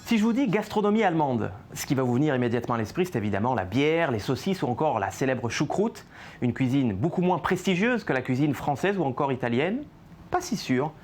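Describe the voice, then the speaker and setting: A man hosting a TV magazine show, presenting from a script and interviewing a guest live, with a lively, polished delivery. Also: medium pitch, a little fast. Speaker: TV news magazine host.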